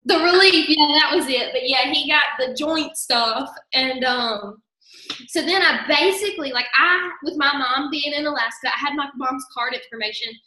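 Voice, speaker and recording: A woman's voice: high-pitched, moderate pace, reverberant, poor audio. A woman casually telling a story on a group call, often breaking into laughter as she talks. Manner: giggly, breaks into laughter, animated. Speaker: team member sharing her story.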